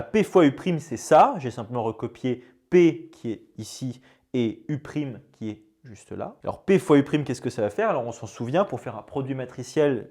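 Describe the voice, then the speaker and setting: A man's voice: medium pitch, a little mellow. A man teaching a maths lesson, explaining step by step straight to his students and openly marvelling at the results, with casual fillers. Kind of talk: classroom-style lecture.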